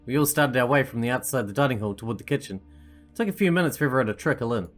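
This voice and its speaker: A woman's voice: a bass voice, lively intonation, rapid-fire, soft background music. A woman doing a let's play, reading game narration aloud and adding casual commentary.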